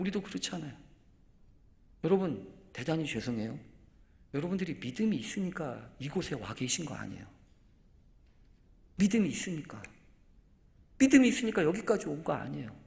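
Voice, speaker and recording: A man preaching a Sunday sermon, asking the congregation rhetorical questions and swinging from loud exclamations to near-whispers. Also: fairly high pitch, creaky. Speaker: pastor. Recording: reverberant church hall.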